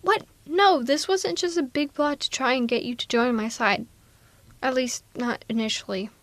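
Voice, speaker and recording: In an intimate ASMR roleplay, a woman plays a sardonic yet protective villainess, coaxing a single listener with wry persuasion and evident concern. Her voice is high-pitched and a bit bright, at a moderate pace, in a dry recording.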